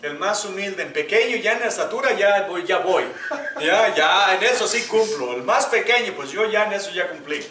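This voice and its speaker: Impassioned high-voiced preacher, echoey church. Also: male voice, animated, normal speed, a little hiss or hum. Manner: impassioned preaching, swinging from loud to hushed. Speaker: pastor. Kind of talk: sermon. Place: church sanctuary. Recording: echoey church room, mic at a distance.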